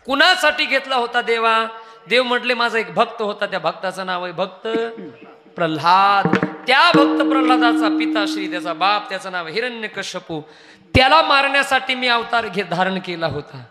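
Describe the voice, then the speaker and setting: A man's voice: high voice, animated, moderate pace, sharp tone. A male kirtan preacher, telling devotional stories, singing verses and teasing the audience with questions. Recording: reverberant hall with faint music.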